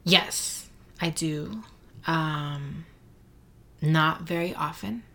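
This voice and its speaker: A woman from Mexico City and San Antonio, Texas, is a guest in a reflective interview, speaking thoughtfully and searching for words with frequent fillers. Her voice sits low and creaky, with a fairly bright tone.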